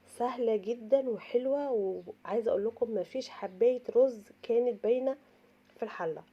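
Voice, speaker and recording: Casting: Egyptian woman, middle-aged home-cooking host, rapid chatty delivery, slightly husky tired voice with a cold, dull lo-fi audio. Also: on the high side. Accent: Egyptian Arabic. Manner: chatty, repeats and emphasizes points, addresses viewers directly. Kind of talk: informal step-by-step cooking tutorial.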